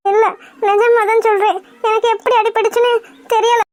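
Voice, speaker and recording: A woman's voice: very high-pitched, little pitch movement, fairly quick, darkish tone, dry recording, clean studio sound. A woman voicing a frightened, injured young woman in a cartoon, pleading through tears. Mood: upset. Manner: pleading, tearful. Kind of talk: cartoon voice acting.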